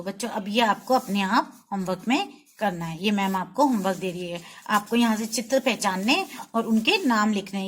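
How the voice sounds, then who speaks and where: A woman's voice: a little high, a bit bright. Patient woman teaching young children. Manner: patient, repeats words slowly for young pupils. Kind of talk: children's Hindi lesson.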